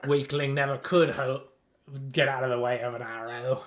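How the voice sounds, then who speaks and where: A man's voice: medium pitch, steady tone, normal speed, close to an everyday voice. A man doing a callous Cockney brigand. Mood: mocking. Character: rough male brigand, callous and mocking.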